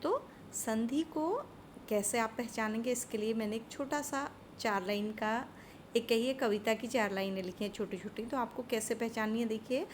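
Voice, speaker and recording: A woman teacher giving a Sanskrit grammar lesson to students, patiently asking questions and answering them herself, and chanting short rhyming rules slowly. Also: fairly high pitch, a little hiss or hum.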